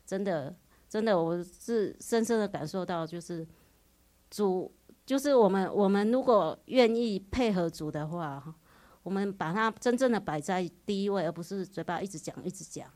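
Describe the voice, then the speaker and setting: A woman's voice: medium pitch, normal speed, darkish tone. A woman in her forties with a Taiwanese Mandarin accent, giving an earnest, emotional personal religious testimony at a retreat, full of interjections.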